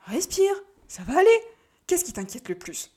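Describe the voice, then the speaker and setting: A woman's voice: on the high side, fast, lightly acted. A woman voicing an easygoing young man who reassures his anxious twin in a casual, laid-back way. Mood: reassuring.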